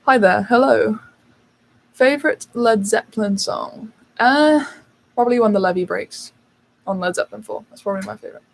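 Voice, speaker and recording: A young woman from the United Kingdom hosts a casual livestream on her channel, chatting and answering viewers' questions with lots of fillers. Her mid-range voice is gravelly and moves at normal speed, and the recording is rough.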